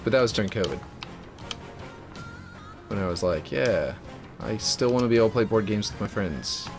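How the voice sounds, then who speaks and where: A man streams live while constructing a game map, talking in a loose, rambling way full of fillers and false starts over background music. He speaks at a normal speed in an animated, fairly deep voice.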